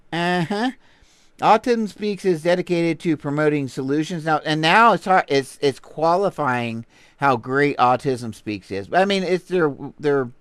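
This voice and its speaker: A man's voice: on the high side, fairly bright tone, clear, resonant tone, no echo. A man with a Texan accent hosting a casual livestream, rambling playfully and greeting viewers while he browses. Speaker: livestream host.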